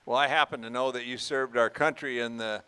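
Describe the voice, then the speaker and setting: A man's voice: mid-range voice, fairly even intonation, brisk, sharp tone, clear, resonant tone. A man hosting a live student auction, interviewing and introducing the sellers in a folksy, bantering way. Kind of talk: live event emceeing and interviewing. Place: live auction event before an audience.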